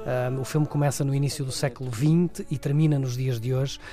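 A man's voice: mid-range voice, steady tone, fairly quick, music in the background. A man with a European Portuguese accent giving a conversational, wordy film review, often repeating and rephrasing as he goes. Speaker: film critic.

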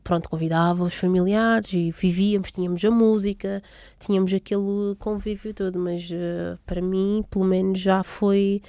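Young woman from são tomé, soft mellow voice, lots of ums, dry close sound. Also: medium pitch, flat delivery, moderate pace, no room sound. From São Tomé and Príncipe. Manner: hesitant, many fillers and restarts. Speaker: interviewee. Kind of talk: casual personal recollection.

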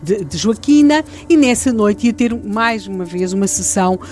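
A woman's voice: medium pitch, expressive, moderate pace, a little mellow, a little hiss or hum. A woman with a European Portuguese accent retelling a historical case in conversational, dramatic detail, with restarts and fillers. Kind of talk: conversational true-crime retelling.

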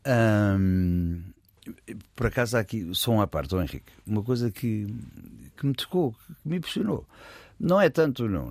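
A man's voice: on the low side, darkish tone, no room sound. A man with a European Portuguese accent telling a story in casual conversation, rambling and correcting himself as he goes. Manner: rambling, self-correcting, chuckles while telling. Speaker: guest storyteller.

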